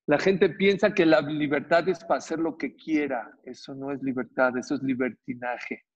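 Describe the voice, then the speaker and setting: A rabbi preaches in a husky, fairly high voice. He talks in emphatic, animated rises and repeats key phrases. The sound is dull and lo-fi. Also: normal speed. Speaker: rabbi teaching a Torah class. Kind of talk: sermon. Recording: dull lo-fi recording.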